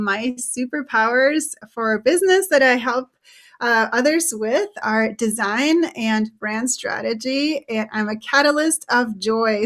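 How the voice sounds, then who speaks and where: A woman from Switzerland, a guest author talking in a casual live interview, bubbly, laughing often and filling pauses with ums. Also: a little high, a bit bright. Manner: bubbly, laughs often, uses many fillers.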